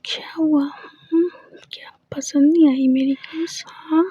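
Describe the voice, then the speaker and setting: A woman's voice: high voice, fairly even intonation, measured pace, warm tone, no echo. A woman voicing a confident, teasing young woman lover in whispered role-play, coaxing with playful murmurs. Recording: dull lo-fi recording.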